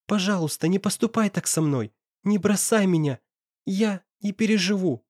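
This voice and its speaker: A man's voice: high-pitched, moderate pace, darkish tone, no room sound, studio quality, voice pushed up. A man reading an audiobook, voicing a tearful young woman who pleads desperately in a raised voice. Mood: pleading.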